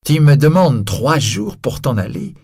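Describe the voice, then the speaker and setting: A harsh police inspector jeers and shouts, as a man puts him on. His voice leaps high and loud, with a husky edge and a dry, close sound. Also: lively intonation, a little slow, dry recording. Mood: mocking. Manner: loud, sneering, laughing.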